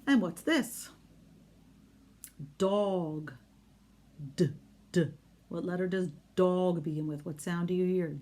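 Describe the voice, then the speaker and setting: A woman teaching young children phonics, slowly modeling sounds in an exaggerated way and asking encouraging questions. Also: lowish voice, dark tone. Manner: encouraging, question-and-answer talk with pauses.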